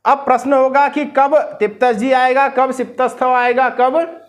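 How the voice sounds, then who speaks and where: High-voiced man teaching grammar. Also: level tone, measured pace. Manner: asks repeated questions, chants rules. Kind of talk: classroom lesson, question and answer.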